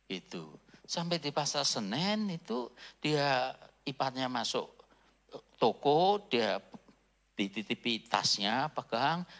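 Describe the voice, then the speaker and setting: A male pastor preaching a sermon in a casual storytelling way, jumping between loud high bursts and hushed near-whispers. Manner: casual, with frequent filler "gitu".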